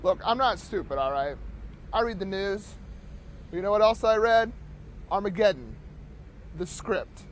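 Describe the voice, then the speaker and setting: A man's voice: high-pitched, lively intonation, measured pace, pauses often, a little hiss or hum, rough recording. A man playing a defensive, panicky sleazebag in a mock news interview, insistent and agitated.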